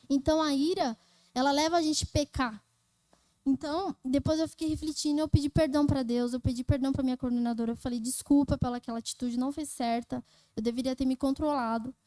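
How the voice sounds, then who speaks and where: A woman's voice: high-pitched, a little mellow, no echo. A young woman sharing a chatty church testimony with a Brazilian Portuguese accent, often calling her listeners brothers and sisters. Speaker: youth speaker.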